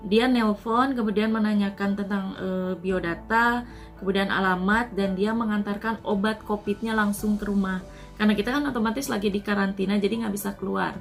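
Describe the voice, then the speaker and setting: A woman from Indonesia casually recounting her own illness and recovery at home, soft and earnest, often trailing off at the ends of phrases. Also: medium pitch, fairly even intonation, brisk, gravelly, soft background music. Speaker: Indonesian migrant worker sharing her COVID recovery. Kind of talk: casual personal storytelling.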